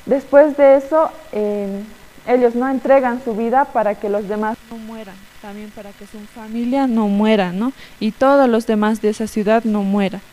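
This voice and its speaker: A young Sunday school teacher from Bolivia tells children a Bible-class story in a slightly high, dark-toned voice, pausing often and checking in with small tag questions and fillers. The rough recording has a long reverb tail.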